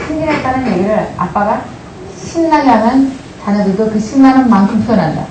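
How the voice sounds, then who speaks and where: High-voiced woman lecturing in an echoey hall. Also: a little fast. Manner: animated, acts out family dialogues with the audience. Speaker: family communication lecturer. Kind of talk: lively lecture to a live audience. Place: large hall with audience. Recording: echoey hall, distant mic, noisy.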